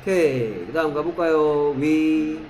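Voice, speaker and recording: A man teaching an English lesson in a classroom, checking often whether students follow and reading example sentences out slowly. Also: on the high side, dark tone, faint music behind, low-quality recording. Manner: keeps checking understanding with short questions.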